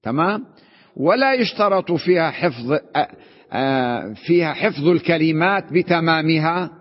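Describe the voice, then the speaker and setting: A man's voice: fairly high pitch, animated, normal speed, long reverb tail, highs cut off. A man, a sheikh, teaching an Arabic grammar class, explaining patiently and often checking with his students that they follow. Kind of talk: classroom lesson.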